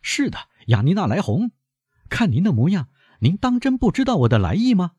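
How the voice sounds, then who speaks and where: A man's voice: high voice, huge pitch swings, moderate pace, dark tone, slightly rough, no room sound, highs cut off, pitched above the performer's own voice, full character voice. Man voicing Albert, a proud, insistent young viscount. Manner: firm, demanding, proud. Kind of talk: audiobook character voice.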